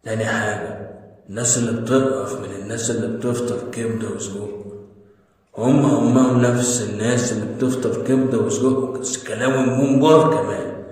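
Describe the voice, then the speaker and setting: A man's voice: medium pitch, fairly even intonation, a little fast, darkish tone, heavy reverb, in a large hall, recorded from a distance, close to an everyday voice. A man with an Egyptian accent playing a stingy, preachy older father in a comedy sketch, lecturing in a dry, mock-solemn way. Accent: Egyptian Arabic.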